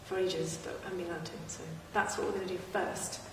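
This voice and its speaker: A woman's voice: fairly low pitch, quick pace. An English woman who is a guest on a podcast, talking about her charity work in a plain, agreeable way. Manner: plain, even-toned, agreeable. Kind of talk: casual chat interview. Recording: echoey room with noise, far from the mic.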